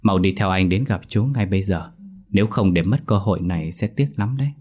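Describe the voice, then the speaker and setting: A man's voice: deep voice, a little fast, darkish tone. A man reading a cowardly, deceitful young villager. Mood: coaxing.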